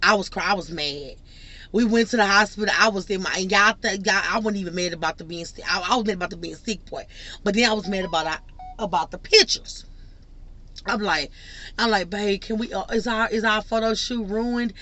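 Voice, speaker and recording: A woman's voice: medium pitch, a little fast, bright, forceful tone. A young woman telling a casual, rambling story to her viewers, addressing them often. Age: young adult. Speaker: vlogger.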